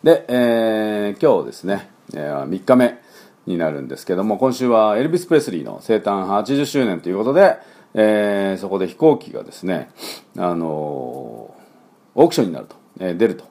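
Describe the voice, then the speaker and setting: A man teaching English pronunciation in a relaxed, chatty way with many fillers, coaching learners to repeat after him. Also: lowish voice. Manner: coaching learners to repeat, demonstrating sounds slowly. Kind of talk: pronunciation lesson.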